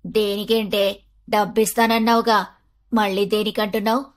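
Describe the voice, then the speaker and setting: A woman voicing a greedy older neighbor woman in an animated storybook, coaxing and cajoling for money. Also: medium pitch, normal speed, lightly acted. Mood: wheedling.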